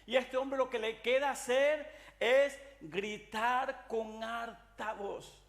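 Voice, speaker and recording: Male pastor, Latin American Spanish accent, high-pitched, earnest sermon delivery with frequent restarts. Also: steady tone, slow, vocal fry, a bit bright. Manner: earnest preaching with frequent restarts and repeated "mi amado hermano".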